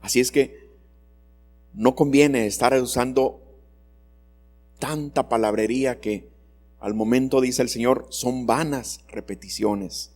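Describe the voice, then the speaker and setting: A man's voice: mid-range voice, steady tone, slow, long pauses, a little mellow. Man preaching, earnest, reads and explains bible verses, long hall reverb, faint music behind. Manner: earnest, addresses listeners as brothers. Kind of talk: sermon. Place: church.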